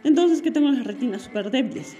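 Earnest woman, mellow voice. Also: high-pitched, lively intonation, fast, soft background music. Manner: earnest, emotional storytelling. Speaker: podcast host. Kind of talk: personal monologue.

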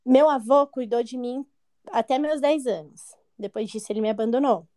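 A woman's voice: a little high, normal speed, dark tone. A woman in her twenties candidly telling a personal story in an interview, often acting out what others said. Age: 20s. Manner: candid, acts out quoted voices. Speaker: interview guest.

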